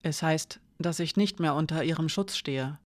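A reader voicing a composed young woman who speaks quietly and steadily, lower and softer than the narration. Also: normal speed, no room sound, studio quality, lightly acted. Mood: calm. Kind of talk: audiobook character reading.

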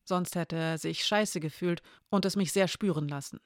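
Narrator doing a frank tender partner, gravelly voice, dry close sound, just chatting. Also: medium pitch, moderate pace, dry recording, lightly acted. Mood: candid. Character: adult person, candid and tender partner.

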